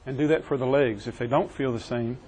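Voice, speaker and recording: A man's voice: mid-range voice, steady tone, a little fast, darkish tone, poor audio. A man teaching a classroom EMS training session, quizzing his trainees and joking with them. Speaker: EMS instructor.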